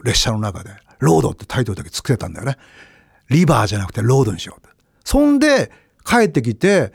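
Gravelly husky guy rambling through old stories, fast, voice jumping all over, dry close mic. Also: no echo. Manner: animated, jumps between loud bursts and low mumbles. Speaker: radio host. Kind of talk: casual storytelling monologue.

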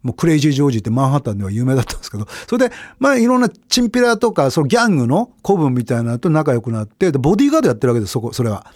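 A middle-aged man hosting a radio show, telling his own stories in a casual, animated way that swings between loud bursts and low mumbles. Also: racing, few pauses, dry recording, clean studio sound. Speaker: radio host. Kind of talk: casual storytelling monologue.

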